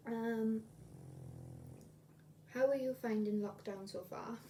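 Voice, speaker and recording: A woman's voice: on the high side, fairly even intonation, takes it slowly, warm tone. A woman, chatting casually to camera in a rambling, repetitive way as a video blogger. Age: 20s. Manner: rambling, repeats herself. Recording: distant mic, clear room noise.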